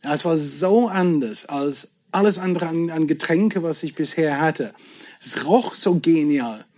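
A middle-aged man from southwest England, native English speaker, telling anecdotes in a relaxed podcast chat. His voice sits a little high for a man. He is chatty and pokes fun at himself. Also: unhurried. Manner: chatty storyteller, self-deprecating humour. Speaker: podcast guest, whisky entrepreneur. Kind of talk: casual chat.

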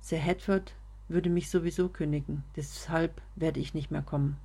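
A woman voicing a blunt, earnest young male coworker in a read-aloud story, in a low, husky voice. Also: steady tone, normal speed, mellow, exaggerated voice.

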